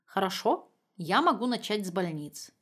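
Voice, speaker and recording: A woman's voice: medium pitch, sing-song, moderate pace, fairly bright tone. A woman voicing a practical grown daughter who talks in a level, matter-of-fact way.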